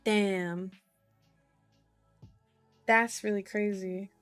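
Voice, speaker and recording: A woman with a medium, fairly bright voice and fairly even intonation speaks extremely slowly, reading horoscopes and tarot fortunes for her chat viewers. Her ASMR-style streaming is casual, playful and giggly, full of silly repeated words and sounds. The close recording is dry, with faint music underneath.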